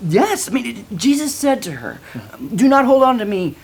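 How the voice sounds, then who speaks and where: An awestruck disciple, acted by a woman, gives earnest eyewitness testimony in a comedy news sketch. The husky voice stammers and swings widely in pitch. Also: sing-song, normal speed, a little mellow, full character voice. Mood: awed. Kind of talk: comedy sketch interview acting.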